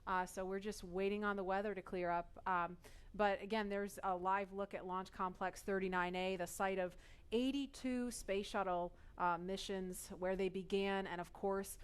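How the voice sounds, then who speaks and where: A woman hosts live event coverage in a clear, smooth voice at a medium pitch. She explains and hands over in an unscripted live commentary style. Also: steady tone, normal speed. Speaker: launch broadcast host.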